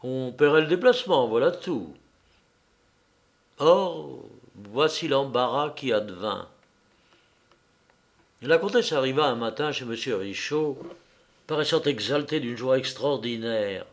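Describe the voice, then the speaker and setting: A man narrating a story in a measured, expressive reading. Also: medium pitch.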